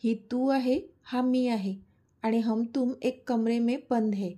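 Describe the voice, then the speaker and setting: A woman's voice: fairly high pitch, steady tone, moderate pace, dark tone, lightly acted. A woman reading as a teasing young man in love. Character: playful teasing young man, romantic lead.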